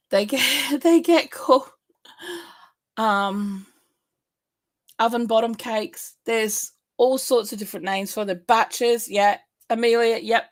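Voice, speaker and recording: A woman hosting a casual live stream, chatting in a rambling way, laughing often and answering viewer comments. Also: mid-range voice.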